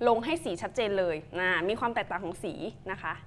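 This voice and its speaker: A woman presenting a cosmetic product on a TV show, explaining it politely and steadily, with soft background noise. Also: medium pitch, fairly quick. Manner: polite, uses ค่ะ and นะคะ a lot, explains steadily. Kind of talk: casual product demo chat. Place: TV studio.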